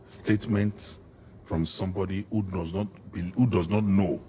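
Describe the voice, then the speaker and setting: A man's voice: low voice, fairly even intonation, normal speed, mellow, a little hiss or hum. A Nigerian man arguing politics in a heated interview, fiery and preacher-like, hammering his points. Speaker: political guest.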